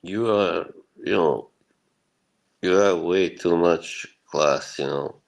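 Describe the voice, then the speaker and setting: This livestream host, a man from Bosnia, talks slowly in a low-pitched voice with vocal fry. His casual chat with viewers is rambling and reassuring, punctuated by frequent chuckles.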